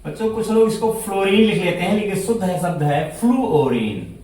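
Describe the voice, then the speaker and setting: Man, chemistry teacher, slightly high voice, repeats and spells words out, recorded from a distance, booming room echo. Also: darkish tone. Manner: slow and drawn out, repeats words and spells them letter by letter; addresses students as children, asks and answers his own questions. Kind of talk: classroom lecture. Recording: echoey room, voice set back from the mic.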